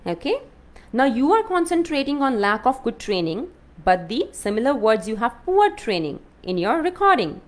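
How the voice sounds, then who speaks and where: A woman's voice: a little high, normal speed. A woman with an Indian English accent teaching an exam-prep lesson, constantly checking in with "okay?" and "fine?". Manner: lively up-and-down teaching voice. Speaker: IELTS coach.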